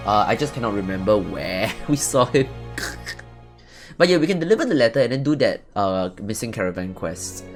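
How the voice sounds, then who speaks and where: A man's voice: on the low side, big pitch swings, fairly quick, soft background music. A man giving chatty, rambling commentary as the host of a casual let's-play. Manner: chatty, rambling, swears lightly. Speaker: gaming channel host.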